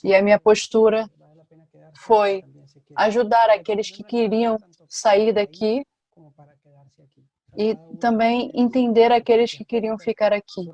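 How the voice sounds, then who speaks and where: A woman giving a simultaneous interpretation at a panel, with a steady, measured delivery. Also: fairly high pitch, muffled recording.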